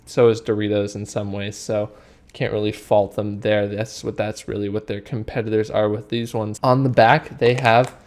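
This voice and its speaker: A man's voice: fairly low pitch, level tone, normal speed. A man hosting a casual food review, talking conversationally and describing things in careful detail. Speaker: food reviewer and video host. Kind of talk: casual product review commentary.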